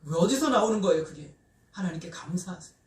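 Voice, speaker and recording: High-voiced preaching man in echoey hall. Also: fast. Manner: animated preaching that poses questions to the congregation and leads call-and-response. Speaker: pastor. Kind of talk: sermon. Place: church sanctuary. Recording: roomy church hall, voice from a distance.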